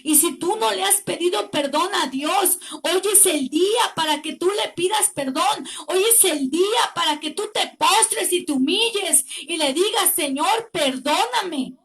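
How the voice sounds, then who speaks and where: A woman's voice: extremely high pitch, a bit bright. A woman preacher with a Mexican Spanish accent delivering a fervent sermon, often breaking in with words of praise. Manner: slow, deliberate delivery with emphatic pauses.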